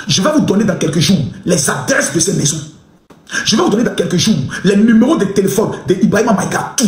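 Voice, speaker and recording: A man ranting in a live commentary, shouting insults with mocking laughter. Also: high voice. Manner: animated, swings between chanting and fast talk. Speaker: online commentator. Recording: echoey room.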